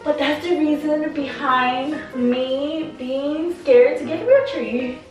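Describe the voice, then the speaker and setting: A woman's voice: high-pitched, takes it slowly, music in the background. A young woman vlogging in casual chat from her apartment, talking in a chatty, self-mocking way. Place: apartment living room. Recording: echoey room, mic far off.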